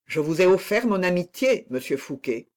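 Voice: medium pitch, very animated, moderate pace, darkish tone, close to an everyday voice. A reader voicing an impassioned noble lady who declares her love in a fervent, pleading manner.

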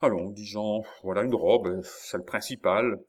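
A man's voice: lowish voice, fairly even intonation, a little slow, darkish tone, breathy edge. A man voicing a blustering, impetuous nobleman who talks emphatically. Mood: commanding.

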